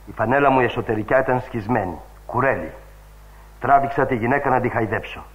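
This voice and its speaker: A man's voice: mid-range voice, close to an everyday voice. A man reading the part of a cynical, world-weary ship's radio operator in a radio play, in a dull old radio recording. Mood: bitter.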